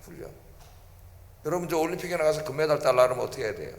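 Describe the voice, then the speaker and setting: A man's voice: on the high side, animated, very fast. A male pastor preaching a sermon in a church, emphatic and often putting questions to his congregation. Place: church sanctuary. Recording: echoey church hall.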